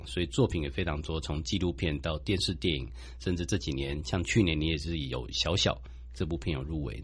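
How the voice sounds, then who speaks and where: A man's voice: deep voice, husky. A man with a Taiwanese Mandarin accent, hosting a show, presenting and interviewing. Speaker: podcast host, interviewer.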